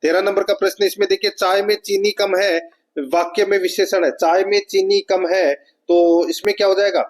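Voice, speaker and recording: Man, high voice, Rajasthani Hindi accent, exam prep teacher, repeats questions, calls viewers friends. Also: little pitch movement, moderate pace. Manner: repetitive, keeps addressing viewers as friends; reads out questions, then explains the answers.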